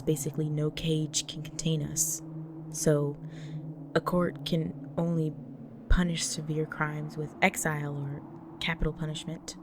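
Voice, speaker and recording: Against a noisy background, a deep-voiced woman voices a solemn, devoted vampire wife, speaking intimately to the listener in a frequently breathy, whispered way as part of an audio roleplay.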